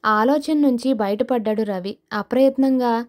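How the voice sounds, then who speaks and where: A woman reads a suspense novel aloud in a steady, measured way. Her voice is fairly high and keeps the telling even as the story unfolds. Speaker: audio novel narrator. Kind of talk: scripted narration of a suspense novel.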